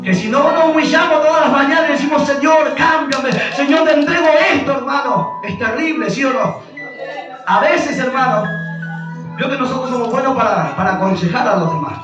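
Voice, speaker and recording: A fervent Argentine pastor preaching in a high, ringing voice, calling out to the congregation again and again. He sounds far from the mic in a very echoey church hall. Music plays clearly behind him. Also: lively intonation, brisk, muffled recording. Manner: fervent preaching, constant calls of brother and amen. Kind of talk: sermon.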